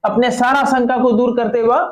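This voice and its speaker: A man's voice: extremely high pitch, level tone, normal speed, echoey room. A male teacher explaining an English lesson to students, firing questions at the class and repeating their answers.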